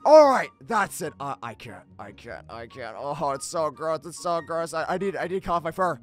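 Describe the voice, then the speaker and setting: A man's voice: fairly high pitch, sing-song, normal speed, faint music behind. A man voicing an edgy, brooding hedgehog in a comic dub, stammering and repeating himself in an overwrought way. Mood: disgusted. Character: edgy, brooding male hedgehog, panicky and easily disgusted.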